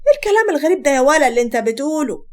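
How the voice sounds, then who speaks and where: Storybook figure: a woman playing a commanding older Egyptian mother, stern, high and fast. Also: sing-song.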